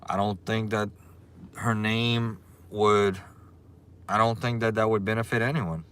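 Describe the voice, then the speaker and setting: Hosting a laid-back livestream, a Louisiana man with a thick Cajun accent chats easily, reading, greeting and answering viewers' comments as they roll in. His smooth voice sits a little low for a man, loose and unhurried, with a friendly Southern drawl.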